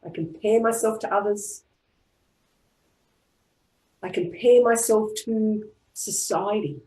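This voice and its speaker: An Australian woman leads a group tapping session, talking in calm, repeated affirmations. Her voice sits at a middle pitch. The sound is roomy and echoey, as on an online call. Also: slow pace. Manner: calm, repetitive affirmation-style phrasing. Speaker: EFT tapping practitioner. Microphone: online video call. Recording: roomy echo.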